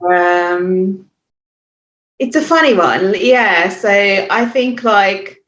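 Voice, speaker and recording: A Hungarian yoga teacher in her forties speaks accented English as a podcast guest, reflecting in an interview with pauses, fillers, and restarts. Her mid-range voice is fairly bright, and the remote audio comes through echoey and muffled.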